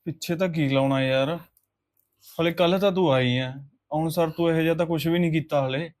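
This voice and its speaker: A man acting a young husband in a short drama film, calming his crying wife with repeated reassurances. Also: fairly high pitch, brisk, close to an everyday voice. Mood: placating. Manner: placating, coaxing, repeats reassurances. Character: young husband, soothing and placating.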